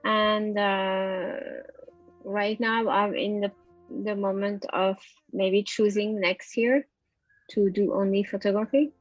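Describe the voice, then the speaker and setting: A middle-aged woman with a French accent talks in a relaxed interview, often pausing on fillers while she gathers her thoughts. Her voice sits at an ordinary pitch, recorded dry and a little dull, with faint music underneath. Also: dry recording. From France. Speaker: photographer guest. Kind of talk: casual interview over a call.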